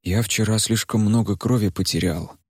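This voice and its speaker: A man voicing a protective male fire spirit in a measured, steady way. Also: lowish voice, breathy edge, dry recording, studio quality. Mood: exasperated. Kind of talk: audiobook character voice.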